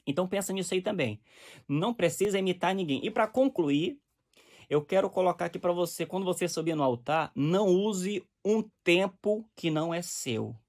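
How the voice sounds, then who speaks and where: A man's voice: high-pitched, moderate pace, darkish tone. A man preaching in a direct, exhorting teaching style, often checking that the listener understands. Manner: direct, exhorting, often asks "você tá entendendo?".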